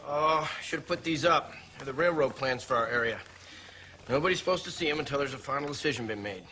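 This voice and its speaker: A man's voice: medium pitch, quick pace, pushed and bright, a little hiss or hum, natural voice, low-quality recording. A man playing a stern, protective father and town mayor in a western drama, speaking in an emphatic, commanding way. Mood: businesslike. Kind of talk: period western film acting.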